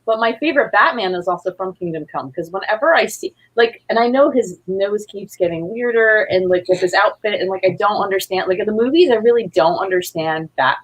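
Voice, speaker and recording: A guest who writes plays and creates audio dramas talks casually, gushing and rambling informally. Her voice is mid-range, and the audio is poor.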